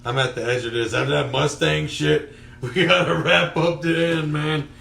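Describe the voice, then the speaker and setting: A man's voice: fairly high pitch, fairly even intonation, moderate pace, gravelly, sharp tone. A young man co-hosting a podcast, joking, laughing and swearing in casual chat. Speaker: podcast co-host. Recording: roomy echo.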